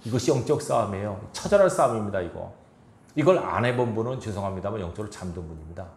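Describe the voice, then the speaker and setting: A man's voice: on the low side, lively intonation, fast talker, darkish tone. A male pastor giving a sermon, reading scripture and then pressing the congregation with rhetorical questions. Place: church sanctuary. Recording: echoey church room.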